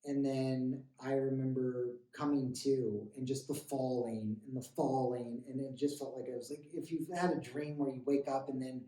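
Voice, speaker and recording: Halting, earnest man, heard from afar. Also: medium pitch, level tone, warm tone. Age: 30s. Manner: earnest, halting, with many stammered restarts. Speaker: guest sharing a recovery story. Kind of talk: emotional personal testimony. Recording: roomy, distant mic.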